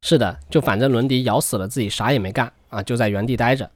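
A man's voice: medium pitch, fast, no room sound. Male true crime narrator, dry close sound. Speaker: true crime podcast host.

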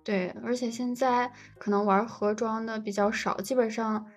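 Young woman, higher-pitched, conversational co-host, music underneath. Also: fairly even intonation, moderate pace. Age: young adult. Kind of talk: casual chat.

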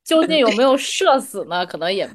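Fast-talking woman. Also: a little high, big pitch swings. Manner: chatty, laughing, repeats words while searching. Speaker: guest. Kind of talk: casual chat, telling anecdotes.

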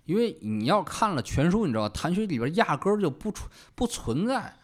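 Animated male storyteller with twang. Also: high-pitched, brisk. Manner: lively, colloquial, acts out quoted characters. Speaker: podcast co-host. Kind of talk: casual storytelling chat.

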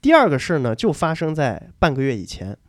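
A man's voice: a little high, fast talker, no room sound, clean studio sound. A young man, a podcast co-host, tells a story in casual chat, acting out the voices in it and often repeating himself. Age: young adult. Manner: lively anecdote telling, acting out dialogue, repeats words.

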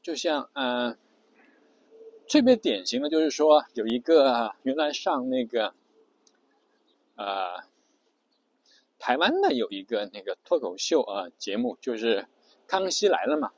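A man's voice: medium pitch, very animated, a little slow, long pauses, no room sound. A man giving a casual spoken lesson, chatty and full of fillers, often stopping to ask his listeners a question.

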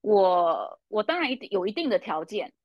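A woman's voice: medium pitch, big pitch swings, moderate pace, no echo, muffled recording. A woman, co-hosting a casual coaching talk and earnestly sharing her ideas. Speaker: coach, podcast co-host. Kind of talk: casual conversation.

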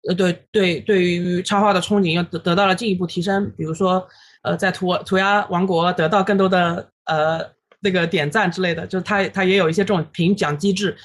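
A woman in her thirties, a guest illustrator on a podcast, recounting her story in an animated way with many fillers and English words dropped in. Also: lowish voice, a little fast. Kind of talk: casual podcast interview.

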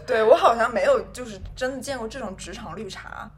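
A woman's voice: on the high side, fairly quick, noisy background. A woman co-hosting a podcast, chatting playfully and laughing as she tells stories about a coworker. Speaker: podcast co-host. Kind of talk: casual chat.

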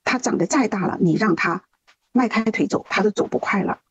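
A woman's voice: mid-range voice, a little fast, husky, dry recording, lo-fi sound. A woman volunteer guest in a podcast interview, telling a case story earnestly with hesitant fillers.

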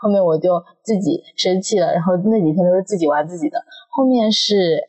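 Fast-talking husky woman. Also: lowish voice, poor audio. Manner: animated storytelling, laughs often. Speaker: podcast co-host. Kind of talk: casual chat.

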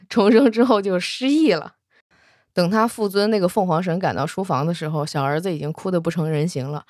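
A woman's voice: medium pitch, no room sound, clean studio sound. Chatty woman retelling a romance. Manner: chatty, with soft sentence-final particles. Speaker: storyteller. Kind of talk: casual retelling of a romance novel.

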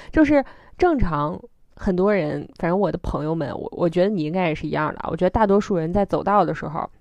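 A woman with a Northeastern Chinese accent chatting casually as a podcast co-host, telling stories in an animated, self-mocking way. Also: on the low side, brisk, dry recording. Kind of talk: casual chat.

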